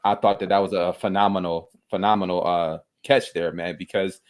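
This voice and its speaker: An easygoing man co-hosting a casual podcast, with a lowish voice. He tells the story loosely and keeps tacking "man" onto the ends of his lines. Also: fairly even intonation, a little fast. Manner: easygoing, says "man" a lot. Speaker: podcast co-host. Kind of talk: casual chat.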